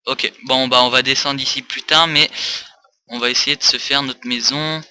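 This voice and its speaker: A man's voice: mid-range voice, steady tone, normal speed, bright, forceful tone, smooth. A tired man rambling through casual gaming commentary with many hesitations, recorded on a desk mic for a facecam. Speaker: let's play host.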